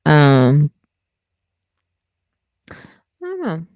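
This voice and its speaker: A Swedish woman, bilingual in Swedish and English, co-hosting a casual podcast and talking hesitantly with many pauses and restarts. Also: low-pitched, wildly swooping pitch, a little mellow, no room sound, lo-fi sound. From Sweden. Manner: hesitant, many fillers and restarts, self-conscious. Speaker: podcast co-host.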